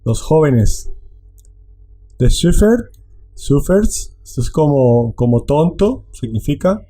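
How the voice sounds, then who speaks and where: A man leads a language lesson at an unhurried, deliberate pace. His voice is mellow and sits a little high. He explains patiently and says each word again so learners can follow. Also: sing-song. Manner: slow, patient explaining, repeating words to drill them. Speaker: Dutch language teacher. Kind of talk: online language class.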